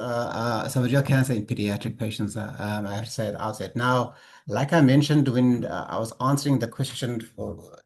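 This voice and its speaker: A man's voice: mid-range voice, a little mellow. A man, a doctor, answering audience questions in an online webinar, hesitant with many restarts, on a video call. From South Africa.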